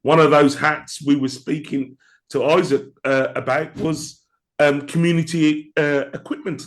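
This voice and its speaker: A man co-hosting a podcast, hoarse from the flu, speaking in a halting, reflective way. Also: on the high side, steady tone. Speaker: podcast co-host. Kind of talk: casual podcast chat.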